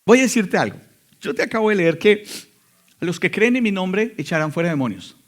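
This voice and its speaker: Emphatic male pastor, slightly high voice. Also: lively intonation, fairly quick. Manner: emphatic preaching with sudden loud and quiet passages. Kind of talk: sermon.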